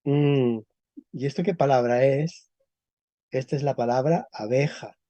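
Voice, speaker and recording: Slow, dark-voiced male teacher, dull recording. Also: mid-range voice, no echo. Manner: explanatory, checks understanding with frequent tag questions. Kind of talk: Spanish historical linguistics lecture.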